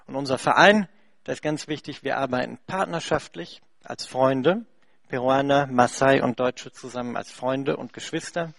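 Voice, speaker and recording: A man's voice: medium pitch, normal speed, gravelly, a bit bright, no echo, studio quality. A German man who heads a charity, interpreting for a guest and then telling a congregation a story, chatty and full of fillers. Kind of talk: speaking to a church congregation.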